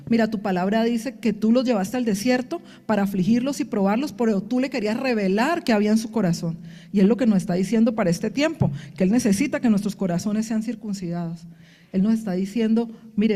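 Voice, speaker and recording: A woman's voice: mid-range voice, mellow, big-room sound. A woman preaching a sermon, telling her own story with earnest testimony and acting out prayers in quoted speech.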